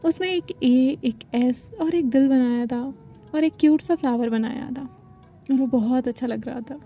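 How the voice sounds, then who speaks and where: A woman narrating a romance story in a plain, steady way. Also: high-pitched, moderate pace.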